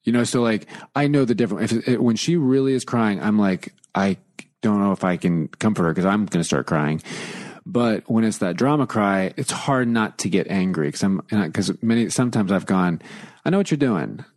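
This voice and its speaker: A man in his forties chatting about fatherhood, animated, acting out quotes with big jumps in his voice. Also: fairly low pitch, moderate pace. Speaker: guest, author and father. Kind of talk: casual podcast conversation.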